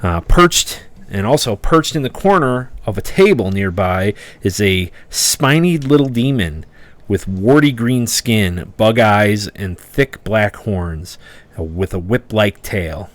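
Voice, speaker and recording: Male game master, slightly low voice, halting conversational scene-setting for tabletop play. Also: animated, no echo. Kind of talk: improvised tabletop game narration.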